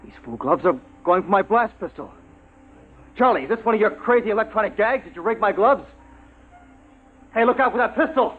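A jittery high-voiced soldier. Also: male voice, lively intonation, a little fast, pauses often. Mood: puzzled. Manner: puzzled, jumpy. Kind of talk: 1950s radio drama acting. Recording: tinny old radio with faint music.

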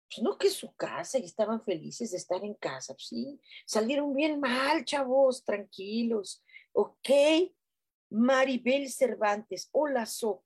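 Slow husky Mexican woman host. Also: mid-range voice. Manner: playful, chatty, breathy hushed guiding. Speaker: host of a live spiritual stream. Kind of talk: casual live chat reading viewer comments.

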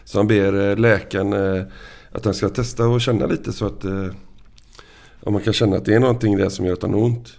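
Deep gravelly man chatting laid-back. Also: fairly even intonation, a little mellow. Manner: laid-back, hesitant with fillers. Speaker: podcast guest, former goalkeeper. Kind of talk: casual chat.

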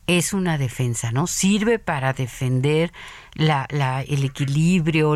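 A woman's voice: sits low, dry recording. A woman, a psychoanalyst and teacher, explaining ideas through anecdotes and often asking "¿no?". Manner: anecdotal, with many "¿no?" tags. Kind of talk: casual discussion.

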